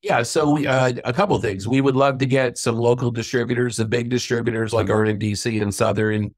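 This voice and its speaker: A middle-aged man telling lively anecdotes in a casual interview about his sangria business. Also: mid-range voice, fairly quick, no room sound, studio quality. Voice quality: self-described stubborn Irishman. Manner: chatty anecdotal storyteller, acts out quoted voices. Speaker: sangria company owner.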